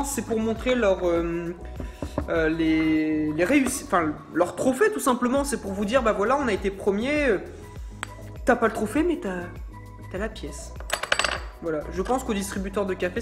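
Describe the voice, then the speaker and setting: A man reviewing vape gear in a playful, self-mocking unboxing vlog with animated asides. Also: sits high, normal speed, music in the background.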